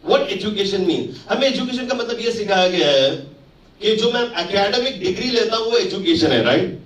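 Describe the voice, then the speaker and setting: High-voiced Indian man in an echoey hall. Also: animated, normal speed, fairly bright tone, distant mic. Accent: Indian English. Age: 40s. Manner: fires rhetorical questions at the audience; switches between Hindi and English mid-sentence. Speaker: network marketing speaker. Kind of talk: motivational stage speech. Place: event hall with an audience. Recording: echoey hall, mic held back from mouth.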